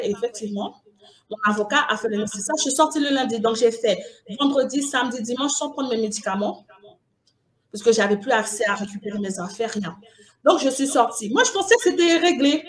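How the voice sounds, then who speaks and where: Woman, mother giving a testimony; emotional, halting retelling with quoted exchanges. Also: a little high. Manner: emotional, repeats and restarts, quotes others in dialogue. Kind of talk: personal testimony, recounting events.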